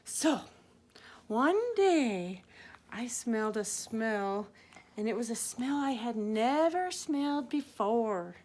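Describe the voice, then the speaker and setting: A woman's voice: on the high side, lively intonation, slow pace, a little mellow. A woman telling a playful improvised story to a child, laughing often as she goes.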